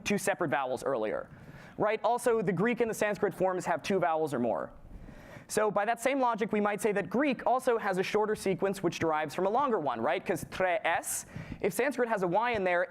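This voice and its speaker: A young man giving a lively, casual lecture to a live audience, often checking in with "right?" and quizzing the room. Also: high-pitched. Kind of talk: live classroom lecture on historical linguistics.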